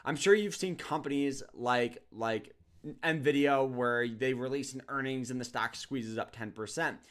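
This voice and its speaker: A man's voice: medium pitch, fairly bright tone. A man with a mid-range voice walks viewers through a trading lesson over a screen share. His delivery is casual and upbeat, and he often doubles back on words. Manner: upbeat and promotional, repeats words. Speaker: trading course host.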